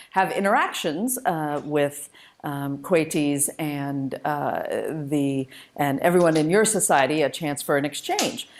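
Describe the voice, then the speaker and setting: This woman has a lowish, slightly mellow voice. She's a spacecraft engineer appearing as a guest speaker at an informal public lecture, born in India and tied to the United States and Malaysia, and she chats enthusiastically and emphatically through personal anecdotes.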